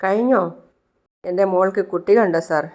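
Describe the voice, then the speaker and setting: A woman's voice: mid-range voice, brisk, darkish tone, natural voice. A woman voicing an anxious, grieving older father who pleads with repeated "sir" to learn where his lost daughter is. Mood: pleading.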